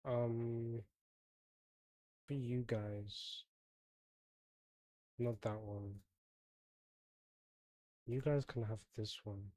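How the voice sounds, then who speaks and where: A man streaming a game and talking to his viewers in a loose, chatty way, checking in with them between moves. His voice sits mid-range and has a mellow, warm tone. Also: mid-range voice, fairly even intonation, drawn-out words, pauses often, no echo. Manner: chatty, talks to viewers while fiddling with setup. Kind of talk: casual live-stream chat while gaming.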